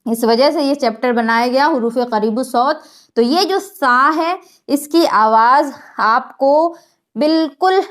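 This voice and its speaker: A woman's voice: sits high, a bit bright. A woman, teaching a spoken lesson on Quran letter sounds, patiently explaining and modeling each sound aloud. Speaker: online Quran recitation teacher.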